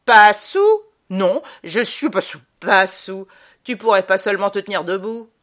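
A woman voicing a big, hot-tempered brothel woman from a storybook, loud, coarse and scolding. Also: mid-range voice, slow pace. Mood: scornful.

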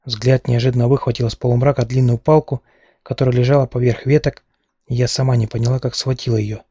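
A man reading a first-person novel aloud at a steady, measured pace. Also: medium pitch, slightly rough, no room sound. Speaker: audiobook narrator.

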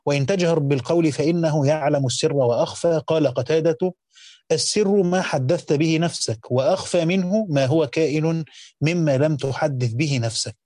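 A man with an Egyptian accent and a slightly high voice reads an old commentary on the scripture and pauses to explain it. He moves from measured formal recitation into relaxed colloquial remarks. The sound is dry and close, with no room behind him. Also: dry recording. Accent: Egyptian Arabic. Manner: switches between careful classical reading and casual colloquial asides. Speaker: teacher reading and explaining a Quran commentary. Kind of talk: reading a classical text aloud with spoken commentary.

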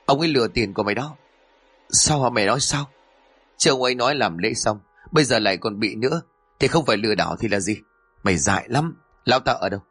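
A man voicing a sharp-tongued middle-aged mother who scolds her son quickly and fiercely, with faint music behind. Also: medium pitch, lively intonation, breathy edge. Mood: angry, scolding.

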